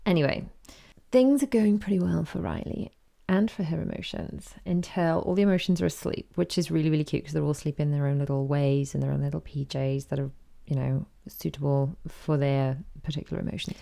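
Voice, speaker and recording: Brief: woman podcast host, chatty storyteller, low and gravelly, mellow tone. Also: a little fast. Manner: chatty, animated retelling with quoted voices. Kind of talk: casual chat.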